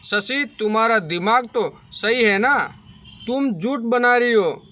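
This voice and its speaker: Man doing lying middle-aged mother-in-law, defensive, feigned innocence, high bright voice. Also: measured pace, exaggerated voice.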